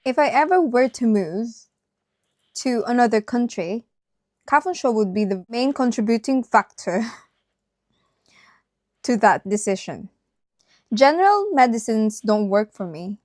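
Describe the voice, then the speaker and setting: A woman's voice: on the high side, lively intonation, normal speed, darkish tone, dry recording, clean studio sound. A woman vlogger narrating a personal story directly to her viewers.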